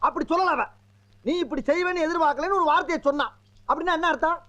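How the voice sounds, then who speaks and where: A man's voice: very high-pitched, very fast, sharp tone, highs cut off. An actor playing a boastful, lovesick village man in a film comedy scene, talking in exclamatory, rambling banter.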